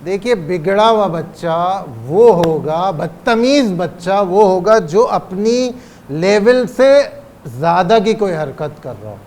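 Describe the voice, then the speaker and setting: High-voiced man preaching. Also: expressive, a little mellow, a little hiss or hum. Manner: rhetorical questions, emphatic repetition, drawn-out stressed phrases. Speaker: cleric giving a religious lecture. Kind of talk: Urdu religious lecture on parenting.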